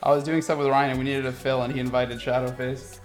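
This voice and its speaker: A man's voice: medium pitch, flat delivery, fast, faint music behind. A young man in casual gamer conversation, talking in bro-ish slang with some swearing. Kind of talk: casual chat.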